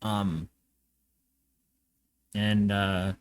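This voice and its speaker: A man's voice: lowish voice, flat delivery, clean tone, no echo. A man running a tabletop game as game master, who keeps stopping to place tokens on the map. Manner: unhurried, stops to place tokens.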